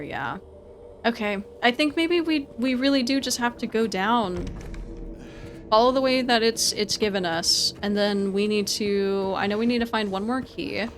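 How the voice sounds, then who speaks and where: Her fairly high, fairly bright voice carries the live commentary as this game streamer chats casually with viewers. The talk is informal, with plenty of repeated words and phrases.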